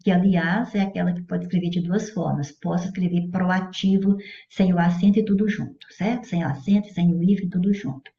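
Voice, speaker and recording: A woman's voice: fairly low pitch, fairly even intonation, a little fast, few pauses, mellow. Didactic Brazilian woman teaching grammar. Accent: Brazilian Portuguese. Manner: didactic, checks in with "certo?" and "olha". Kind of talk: explanatory exam-prep lesson. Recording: dull echoey room audio.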